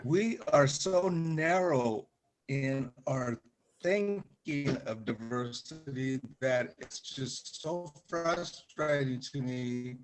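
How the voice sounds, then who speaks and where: A man's voice: medium pitch, very slow. A man speaking up at a public forum on a buzzy, glitchy call line that keeps cutting out, earnest and insistent. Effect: buzzy, glitchy call audio that cuts out. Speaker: forum participant. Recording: remote call audio, distant and breaking up.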